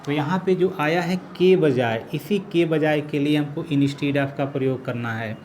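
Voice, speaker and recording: A man teaching an English grammar lesson, slowly repeating each phrase as he writes it out. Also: fairly high pitch, a little mellow, a little hiss or hum. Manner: slow, repeats each phrase while writing.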